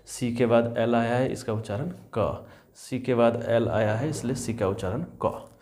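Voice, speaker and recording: A man's voice: medium pitch, measured pace, darkish tone. Male teacher spelling out words. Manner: repeats each rule, spells words out letter by letter; addresses students as children, checks in with "is that clear". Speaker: English teacher. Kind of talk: spelling and pronunciation lesson.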